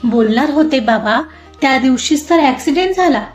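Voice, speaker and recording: A woman voicing a lively, chatty young woman in an audio story, talking expressively to her father. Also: sits high, moderate pace. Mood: wistful. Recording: roomy muffled recording, soft music.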